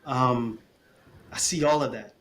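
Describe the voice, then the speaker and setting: A man who coaches parents on communication appears as a guest on a casual podcast, speaking earnestly and expressively and often repeating a phrase while he collects his thoughts. His medium-pitched voice is fairly bright and unhurried, though the audio quality is poor.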